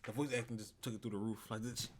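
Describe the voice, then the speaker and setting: A man's voice: on the low side, fairly even intonation, quick pace, slight background noise. A man co-hosting a podcast, talking casually in slang with frequent swearing. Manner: slangy, peppered with swearing and "bro". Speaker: podcast co-host.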